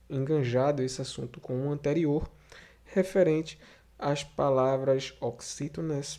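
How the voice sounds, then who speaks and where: A man's voice: medium pitch, mellow. A man teaching a Portuguese grammar video lesson to sixth graders, explaining step by step with recaps and frequent fillers.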